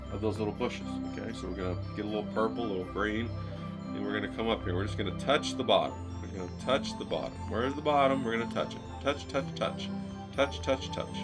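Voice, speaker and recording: A man teaching a watercolor painting tutorial in an upbeat, coaxing way, checking in with his viewers. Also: fairly low pitch.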